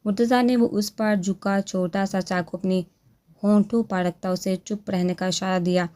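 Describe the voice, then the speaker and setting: A woman narrating a romance novel in a steady storytelling manner. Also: medium pitch, moderate pace.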